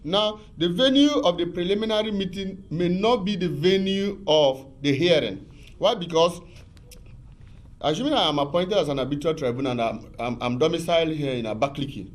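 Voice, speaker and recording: Lecturing man, slightly high voice. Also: brisk. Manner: patient, repetitive, lecturing with many fillers. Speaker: legal expert guest. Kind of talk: explanatory TV talk on law.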